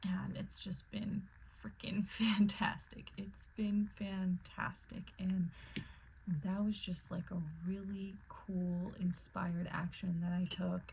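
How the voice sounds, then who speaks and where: Soft-spoken woman with a gravelly fry. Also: medium pitch, flat delivery, takes it slowly, slight background noise, rough recording. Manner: soft, often whispery, chatty with laughs and fillers. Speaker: vlogger. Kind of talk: casual chat.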